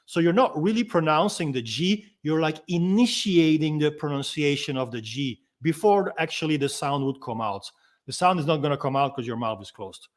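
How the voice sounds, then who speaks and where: A man's voice: on the high side, animated, moderate pace. A man teaching as a freediving instructor, patiently explaining step by step and demonstrating the sounds himself. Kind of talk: instructional walk-through.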